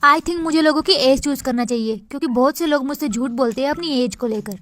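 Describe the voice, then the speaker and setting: A woman's voice: sits high, a bit bright, soft background music. A young woman voicing a curious teenage girl in a dubbed comic short drama. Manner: curious, quick to question. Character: teenage girl who can see people's ages. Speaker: voice-over performer.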